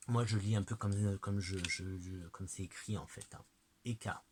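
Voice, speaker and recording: A man chatting casually to the viewer while presenting oracle cards, halting and hesitant, sometimes dropping to a soft whisper. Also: lowish voice, steady tone, a little hiss or hum, low-quality recording. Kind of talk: casual oracle card unboxing chat.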